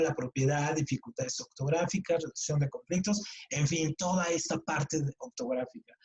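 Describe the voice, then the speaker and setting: A man's voice: a little high, darkish tone, rough recording. Chatty Mexican man teaching a class. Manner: casual, chatty, frequent restarts and repeated words. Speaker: writing workshop teacher. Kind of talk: online class lecture.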